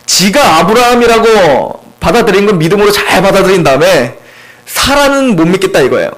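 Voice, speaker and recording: Lively high-voiced male pastor preaching. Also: rough recording. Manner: animated, conversational preaching with rhetorical questions. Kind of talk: expository sermon. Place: church sanctuary.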